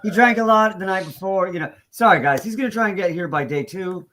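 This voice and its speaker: A man's voice: sits high, fast, sharp tone, slight background noise. A man hosting a casual live stream, telling stories with jokes and swearing. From not from Texas. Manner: joking storyteller, swears freely. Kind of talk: casual chat.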